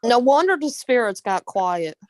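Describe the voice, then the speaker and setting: A woman with a slightly high voice chats casually. She sounds like one member of a live stream panel. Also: sing-song, moderate pace. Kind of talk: casual chat.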